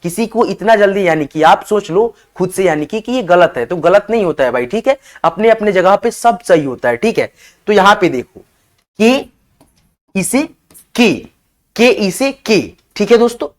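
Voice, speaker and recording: A man teaching how to spell words, spelling them slowly letter by letter and often calling viewers his friends. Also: sits high, lively intonation.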